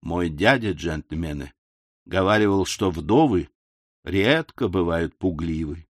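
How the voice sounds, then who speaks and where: A man narrating a classic novel as an audiobook, in an unhurried storytelling manner with confiding asides. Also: low-pitched, lively intonation, no room sound, clean studio sound. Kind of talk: scripted literary narration.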